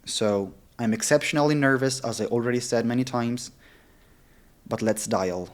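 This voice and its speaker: This vlogger, a man practicing sales cold calls, speaks at a medium pitch and normal speed. His English is non-native, shaped by Italian or German, and his vlog talk is relaxed and candid.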